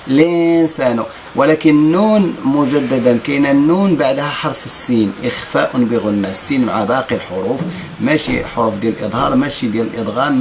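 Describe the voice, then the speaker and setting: A man with a Moroccan accent teaching tajweed, stretching out recited words slowly, then explaining quickly in Moroccan dialect. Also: medium pitch, gravelly, background noise. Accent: Moroccan Arabic. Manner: alternates drawn-out chanted recitation with quick explanations. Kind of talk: tajweed lesson with slow demonstrative recitation.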